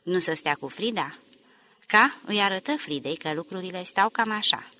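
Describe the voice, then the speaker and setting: A woman narrating an audiobook in a steady, literary reading style. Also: fairly low pitch, a little hiss or hum. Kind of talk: scripted narration.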